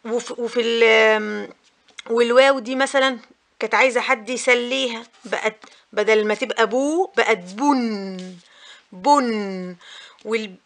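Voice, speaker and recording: A woman's voice: on the high side, fairly even intonation, normal speed, vocal fry, a bit bright. A young woman with an Egyptian accent teaching a grammar lesson for mothers, patient and repetitive, with frequent filler sounds. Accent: Egyptian Arabic. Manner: patient, repeats key points, many filler "ah"s.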